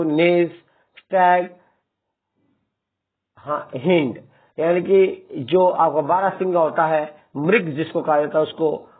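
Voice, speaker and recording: A man teaching English grammar in a classroom lesson, speaking to students as children and often adding a checking tag to his words. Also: a little high. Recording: tinny, phone-like lo-fi sound.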